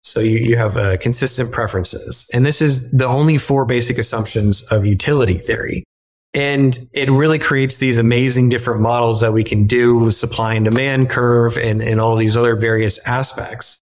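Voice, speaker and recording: A man's voice: mid-range voice, steady tone, normal speed. A man from Illinois, a finance professor, answering interview questions and explaining ideas with simple examples. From Illinois, United States.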